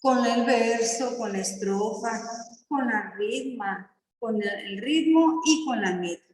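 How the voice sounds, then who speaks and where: A woman primary school teacher explaining poetry to her class slowly and patiently, often checking that the children follow. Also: on the high side, darkish tone, slight background noise. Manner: slow, patient explaining with frequent checking questions. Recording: echoey classroom with long reverb.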